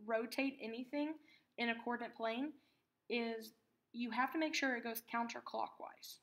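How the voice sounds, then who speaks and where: A woman teaching a math lesson, patiently explaining terms and repeating key words slowly for emphasis. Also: fairly high pitch, steady tone, a bit bright, dull audio.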